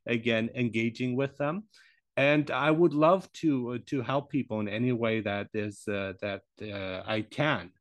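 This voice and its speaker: A man's voice: mid-range voice, no echo. A man in his forties, born in Iran and raised in Germany, speaking as a podcast guest in a reflective, hesitant way with many fillers and restarts. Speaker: podcast guest, language teacher. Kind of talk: casual interview conversation.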